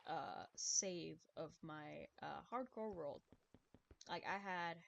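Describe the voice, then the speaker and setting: A woman's voice: deep voice, slow pace, gravelly, dull audio, background noise. A young woman streaming a game, chatting casually in a rambling, self-deprecating way, laughing often and swearing now and then. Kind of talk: casual gameplay commentary.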